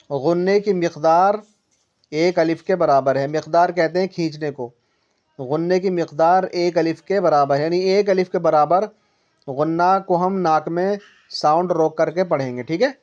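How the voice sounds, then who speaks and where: Her voice sits low with a darkish tone as she patiently leads a one-on-one Quran reading lesson. She repeats points, questions her pupil, and stretches syllables to demonstrate, all in a dull lo-fi recording.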